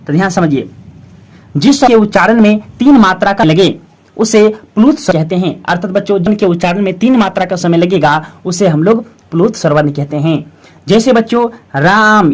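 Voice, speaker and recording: A teacher giving a grammar lesson to schoolchildren, often calling them children and friends and repeating each definition twice in a slow, steady way. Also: medium pitch. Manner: calls students 'children' and 'friends' often.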